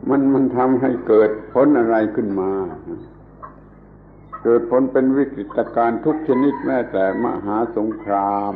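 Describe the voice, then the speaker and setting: A man's voice: medium pitch, slight background noise. A man giving a plain, emphatic Buddhist Dhamma talk, repeating his points as he teaches. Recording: phone-like old tape recording.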